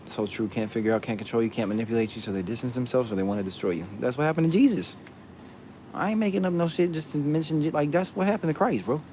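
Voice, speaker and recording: A man at a middle pitch chatting casually with his viewers, answering their questions one by one. He talks bluntly and curses freely, leaning on "bro" again and again. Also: quick pace, a little mellow, a little hiss or hum. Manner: blunt, profane, says "bro" a lot. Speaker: streamer answering chat. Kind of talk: casual chat.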